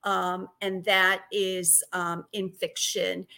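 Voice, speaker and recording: A woman's voice: fairly low pitch, level tone, takes it slowly, creaky, sharp tone. An older woman with a Brooklyn accent speaking as an author guest in a conversational interview, effusive and emphatic. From Brooklyn, New York.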